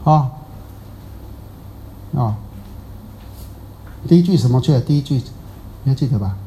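A man's voice: medium pitch, lively intonation, a little slow, dark tone, a little hiss or hum. A man teaching a Buddhist class in a chatty, teasing way, quizzing his listeners. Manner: chatty, teasing, asks the audience questions. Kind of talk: Dharma talk to a class.

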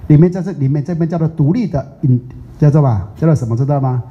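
Speaking quickly in a fairly high voice, this older man from Taiwan teases his listeners in a chatty dharma talk as a Buddhist teacher, stretching out English words. It comes through a muffled, lo-fi recording.

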